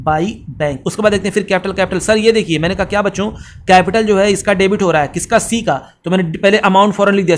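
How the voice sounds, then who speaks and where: A man teaching accounts at high speed, his voice pitched high. He keeps asking the class questions and answering them himself. A faint noise sits under the recording. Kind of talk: fast classroom lecture.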